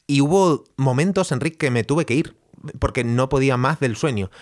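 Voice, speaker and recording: A man's voice: medium pitch, moderate pace. A man, telling a travel story in casual podcast chat. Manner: animated storyteller, acts out news quotes. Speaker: podcast co-host.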